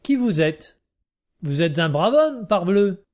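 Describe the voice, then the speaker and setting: A man's voice: sits high, a little slow, mellow. A man voicing Cascabel, hearty showman. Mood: emphatic. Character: Monsieur Cascabel, hearty middle-aged travelling showman.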